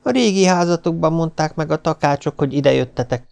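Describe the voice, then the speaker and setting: A man voicing a cheeky, streetwise city boy who talks in an excited, slangy way. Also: a little high, creaky, smooth, pitched above the performer's own voice.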